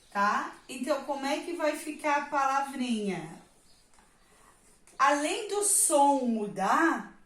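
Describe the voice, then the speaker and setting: A woman teacher, patiently explaining a reading lesson to young children, drawing out the example words and checking in often. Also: high voice. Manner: stretches and stresses example words. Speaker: primary school teacher. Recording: echoey room.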